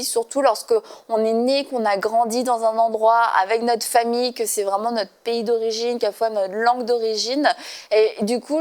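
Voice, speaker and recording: Laughing woman hosting a faith talk show. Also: fairly high pitch. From born in Korea, raised in France. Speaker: host.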